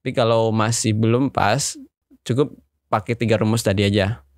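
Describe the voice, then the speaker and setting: A man explaining recitation melody in a relaxed, friendly tutorial way. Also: lowish voice, normal speed, no room sound, clean studio sound. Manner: relaxed, plain, speaks to viewers as friends. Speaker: recitation teacher.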